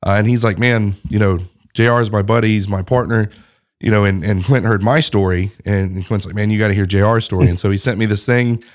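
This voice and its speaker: A man with a low voice hosting a podcast interview. He talks in a chatty, affirming way and drops emphatic asides between questions. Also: fairly even intonation, brisk. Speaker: podcast host. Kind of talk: conversational interview.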